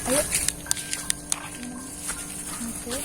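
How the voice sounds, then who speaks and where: A woman's voice: extremely slow, loud music behind the voice. A woman hosting a casual night exploration vlog, speaking in a nervous, hesitant way and often repeating her words. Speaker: vlog host exploring empty houses.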